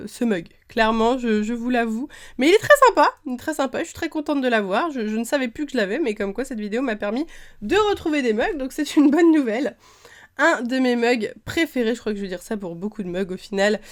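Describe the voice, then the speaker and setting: Young woman from france, kinda high voice, gushy chatty vlog talk, lots of "euh". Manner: gushing, chatty, full of fillers and slang. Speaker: YouTuber showing her collection. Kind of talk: casual show-and-tell vlog.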